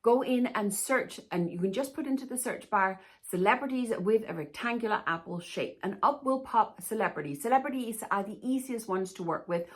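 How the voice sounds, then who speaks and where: With an expressive, medium-pitched voice, she talks briskly and with few pauses. She is a Danish-born plus-size stylist and YouTuber doing a casual Q&A vlog, answering viewers in a chatty, comforting way and often saying "to be honest with you."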